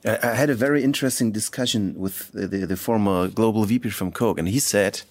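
Low-voiced man interviewing. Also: a little fast, no echo. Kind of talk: conversational interview questioning.

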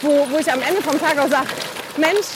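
Brief: high-pitched female vlogger asking questions mid-ride, heavy outdoor noise. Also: fairly even intonation, fast. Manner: chatty, asks questions. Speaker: vlogger and host. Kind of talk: casual chat while cycling. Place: outdoors on a group bike ride. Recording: loud outdoor wind and traffic noise.

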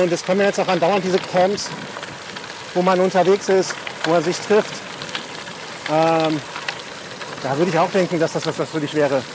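Guy bantering on a bike ride, kinda high voice, loud wind and rain. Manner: joking, laid-back banter. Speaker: experienced gravel rider. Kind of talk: casual chat while cycling. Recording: loud outdoor wind, rain and traffic noise.

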